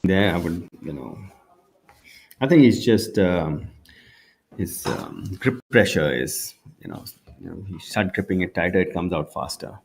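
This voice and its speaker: A man's voice: deep voice, expressive, measured pace, creaky, rough recording. A man giving live golf commentary in a plain, conversational way, as part of an informal booth team.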